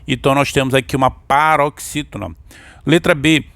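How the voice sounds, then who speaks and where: A man's voice: medium pitch, steady tone, moderate pace, creaky, fairly bright tone, dry recording. A man with a Brazilian accent teaching an exam-prep grammar lesson, explaining step by step and often checking in with his listeners.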